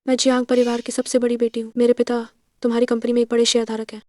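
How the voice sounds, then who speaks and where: A woman's voice: fairly high pitch, completely flat delivery, very fast, darkish tone, dry recording, natural voice. A woman voicing a spoiled scheming heiress. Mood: haughty. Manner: whining, haughty. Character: spoiled rich young woman, scheming and jealous. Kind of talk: dubbed drama dialogue.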